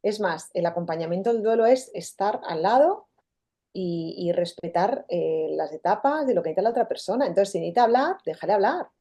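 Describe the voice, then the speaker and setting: A woman, a guest author talking in an interview, animated and often acting out quoted dialogue. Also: mid-range voice, fairly quick, husky. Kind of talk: conversational interview.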